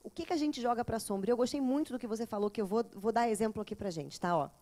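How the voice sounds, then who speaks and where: A woman, a therapist lecturing a class in a lively way, often acting out children and mothers. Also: fairly high pitch, quick pace. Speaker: teacher of a psychology course.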